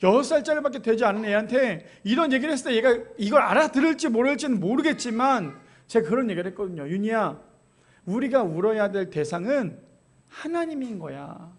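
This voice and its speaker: Pastor guy in his 30s, really high voice, preaching hard in church, tells family stories. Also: animated, fairly quick. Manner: earnest, emphatic preaching with personal storytelling. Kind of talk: sermon. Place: church sanctuary.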